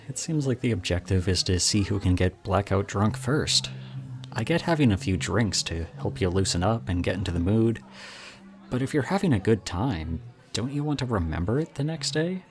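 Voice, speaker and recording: In an intimate roleplay audio drama, a male voice actor plays a young college guy with a very low-pitched voice. He's chatty, charming, and friendly but a bit awkward, poking fun at himself and teasing softly, with something subtly odd about him.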